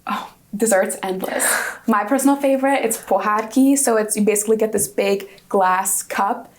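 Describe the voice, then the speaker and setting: With a medium-pitched voice at normal speed, this Hungarian-native woman in her twenties gives casual interview answers as a student guest. She sounds upbeat and chatty, restarting her sentences often.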